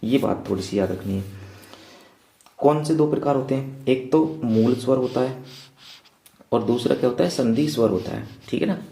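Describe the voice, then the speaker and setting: Male teacher, mellow, echoey room. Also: mid-range voice, normal speed, gravelly, long pauses. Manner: rhetorical questions, repeated check-ins. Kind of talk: exam revision lecture.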